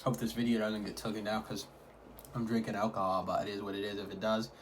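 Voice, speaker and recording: A man with a lowish, level voice talks fast and casually in a food vlog, hyping things up with repetitive slang. He's a mukbang vlogger recording at home, and the recording is clearly noisy.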